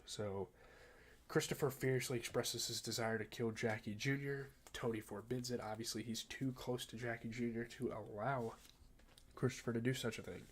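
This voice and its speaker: A man's voice: medium pitch, steady tone, moderate pace, a little hiss or hum. Slightly sick young man recapping casually. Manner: loose and chatty, many fillers, reads plot summary then riffs on it. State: a little sick. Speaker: TV show reviewer.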